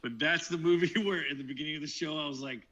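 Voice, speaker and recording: A man in a casual podcast chat, telling jokes and telling stories in an animated way. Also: a little high, fast, highs cut off. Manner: joking, animated storyteller. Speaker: podcast co-host.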